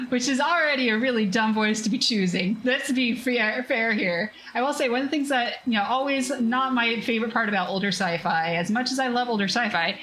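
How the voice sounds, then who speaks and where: A woman's voice: medium pitch, fairly bright tone, a little hiss or hum, poor audio. A woman hosting a casual reading stream, reading a sci-fi story and chatting with viewers in self-deprecating asides. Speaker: streamer reading a book aloud.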